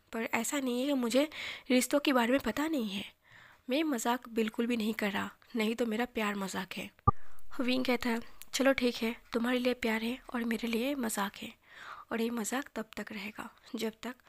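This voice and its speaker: A woman reading a fan fiction romance aloud, voicing both men herself and dropping to a hush in the tender lines. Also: fairly high pitch. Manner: narrates and voices both men in her own voice, soft and hushed in tender lines. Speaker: storyteller.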